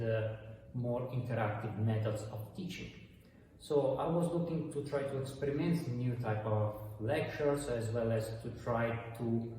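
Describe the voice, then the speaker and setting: An Italian university dean with an Italian accent answers interview questions, hesitating and restarting often. His voice is medium-pitched and warm, heard from far off in an echoey hall with slight background noise.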